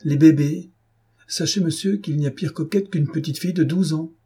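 A man's voice: a little high, moderate pace, warm tone, breathy edge, pitched above the performer's own voice. A man voicing a boastful, teasing young army officer in a storybook reading. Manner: boastful, mocking.

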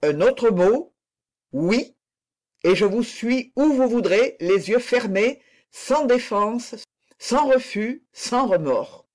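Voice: mid-range voice, lively intonation, takes it slowly, voice pushed up. A reader voicing an impassioned noble lady who declares her love in a fervent, pleading manner.

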